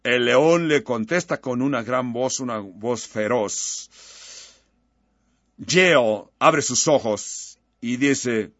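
A male preacher delivers a sermon slowly and deliberately, retelling a story before leading a prayer. His voice sits at a middle pitch. The sound is dry and a little dull, with no room echo. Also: a bit bright.

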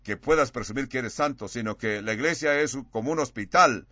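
A man preaching a sermon, acting out quoted dialogue with big swings in pitch and loudness. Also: brisk, no room sound, dull audio.

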